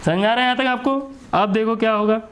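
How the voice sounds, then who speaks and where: Man, Indian accent, high voice, maths teacher, asks and answers his own questions, repeats steps. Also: steady tone, quick pace, fairly bright tone, slight background noise. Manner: asks students questions and answers them himself; repeats key steps, mixes Hindi and English terms. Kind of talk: classroom lesson.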